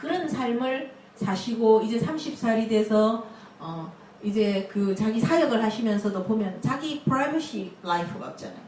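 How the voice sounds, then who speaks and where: Animated woman preacher, echoey hall. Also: a little high, moderate pace, a little hiss or hum. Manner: animated, laughing often, acting out quotes. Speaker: pastor. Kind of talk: lively sermon. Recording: echoey room, mic at a distance.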